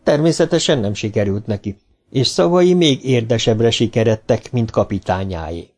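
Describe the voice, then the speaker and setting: A man narrating a novel for an audiobook in an even, measured way. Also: mid-range voice. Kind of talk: scripted narration.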